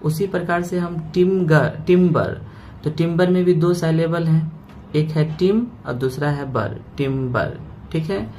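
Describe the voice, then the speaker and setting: A man teaching a grammar lesson. He breaks words into parts slowly and keeps checking in with "okay" after each point. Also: on the high side, dark tone, slight background noise.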